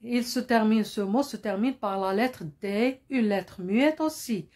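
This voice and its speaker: A woman French teacher, drilling vocabulary slowly and asking pupils to repeat, sometimes explaining in Arabic. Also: on the high side, darkish tone. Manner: switches into Moroccan Arabic to explain. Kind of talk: slow classroom-style lesson.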